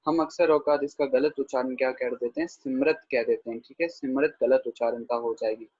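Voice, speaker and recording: A man teaching a pronunciation lesson online, patiently repeating words slowly and checking in with students by name. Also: medium pitch, fairly even intonation, darkish tone, husky, dry recording. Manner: patient, repeats words slowly to model pronunciation, says 'theek hai' often; addresses students by name, answering their questions. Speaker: Gurbani grammar teacher. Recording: dull dry lo-fi audio.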